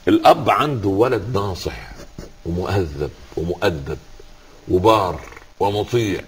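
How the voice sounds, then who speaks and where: A man's voice: low voice, lively intonation, measured pace, a little hiss or hum. A man with an Egyptian accent, an Islamic scholar giving a religious talk, telling stories, quoting scripture and asking rhetorical questions.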